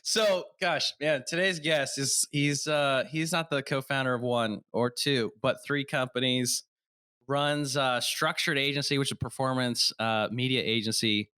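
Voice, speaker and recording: Bright-voiced excitable male podcast host. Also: medium pitch, clear, resonant tone, no room sound, studio quality. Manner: excitable, quick, joking. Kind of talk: casual podcast chat.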